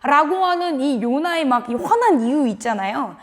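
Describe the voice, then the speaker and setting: A woman preaching a Sunday school sermon to children, telling the story in an animated way and asking the children questions. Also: high-pitched, normal speed, in a large hall. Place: church.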